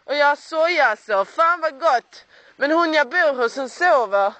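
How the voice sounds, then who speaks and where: A drunk young woman filming her friends outdoors at night, talking excitedly and swearing a lot. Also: high voice. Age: young adult. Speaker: person filming. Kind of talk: casual chat among friends.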